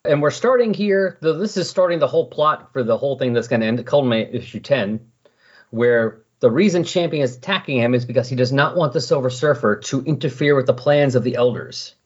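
A man talks briskly about comic books in a husky, medium-pitched voice, sounding casual and keen like a podcast guest. The recording is lo-fi and muffled.

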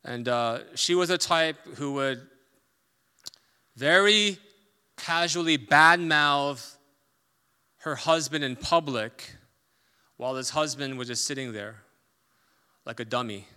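A man preaching a sermon as a pastor, emphatic, swinging between loud stressed points and quiet asides. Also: medium pitch, slow, long pauses, smooth, long reverb tail.

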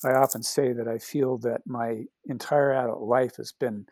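Male guest from Canada, mid-pitched, gentle and reflective; dry, close recording. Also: steady tone, normal speed, no echo. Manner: soft-spoken, thoughtful, frequent restarts. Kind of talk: reflective conversation.

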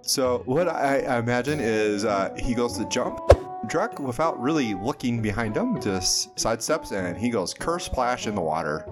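A man chatting casually as a player in a tabletop game, halting as he talks. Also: medium pitch, animated. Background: music.

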